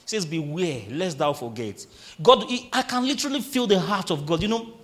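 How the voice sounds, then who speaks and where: A male pastor preaching a sermon, drawing the congregation into call-and-response and reading scripture slowly with emphasis. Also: high voice, lively intonation, fairly bright tone.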